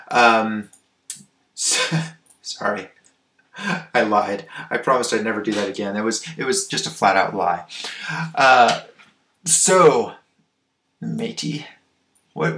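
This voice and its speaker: A man of middle pitch with a gravelly edge walks through his programming work in a loose, thinking-aloud way. He pauses on ums and restarts his sentences often. The recording carries noticeable room echo. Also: fairly bright tone. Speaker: programming screencast host. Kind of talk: casual coding walkthrough.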